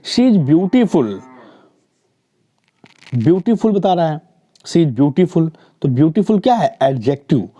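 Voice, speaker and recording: Man teaching grammar with a mellow voice. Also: a little high, sing-song, normal speed. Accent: Hindi. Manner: explains step by step, often asks "theek hai na?". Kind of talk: grammar lesson for exam students.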